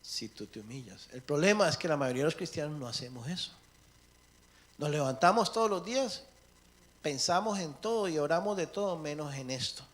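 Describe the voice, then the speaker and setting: High-voiced emphatic male preacher. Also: lively intonation, a little fast. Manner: emphatic, wide swings between loud and soft; acts out prayers and dialogues. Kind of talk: sermon.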